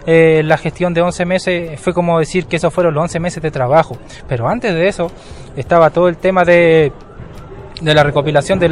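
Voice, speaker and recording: A man's voice: a little high, slight background noise. A young man, a Mapuche language teacher telling his story in a casual interview, hesitant with many fillers and restarts. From southern Chile. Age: 20s. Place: outdoors at a bus terminal.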